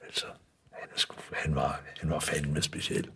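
A man's voice: very deep voice, flat delivery, pushed and bright, slightly rough, in a whisper. An older man telling his life story in a dramatic, vivid way, from an old archive recording. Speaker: artist recalling his life. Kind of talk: archival spoken recollection.

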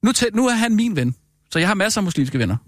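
A man's voice: high-pitched, sing-song, no room sound, studio quality. A man co-hosting a comic radio show who talks hesitantly, stammering and restarting often. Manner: hesitant, stammering with many fillers. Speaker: radio co-host.

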